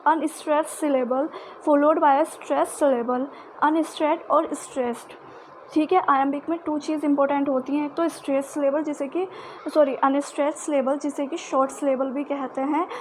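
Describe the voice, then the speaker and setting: A woman's voice: high-pitched, slight background noise. A woman teaching a lesson, going over key terms again and often checking in with an okay. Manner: slow, halting delivery with fillers and restarts. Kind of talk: explanatory lesson for students.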